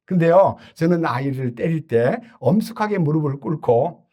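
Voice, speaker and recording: At a moderate pace and with a slightly high voice, an older man preaches as a pastor, animating his stories by acting out the quoted voices.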